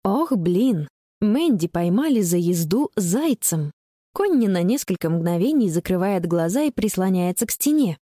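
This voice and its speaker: A woman narrating a story in a scripted, expressive audiobook reading. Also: mid-range voice, measured pace, no echo, studio quality.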